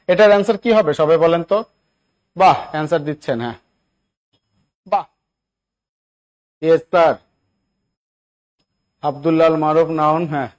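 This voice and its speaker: A man's voice: fairly high pitch, dull audio. A man with a Bangladeshi Bengali accent teaching English grammar in a live online exam-prep class, coaxing students and checking again and again that they understand. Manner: coaxing, repeats questions and checks understanding often.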